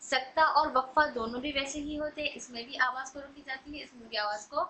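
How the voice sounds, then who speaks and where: Bright-voiced woman teaching recitation rules. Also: high voice, fairly even intonation, fairly quick, rough recording. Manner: explains patiently, repeats each rule. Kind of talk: online tajweed lesson.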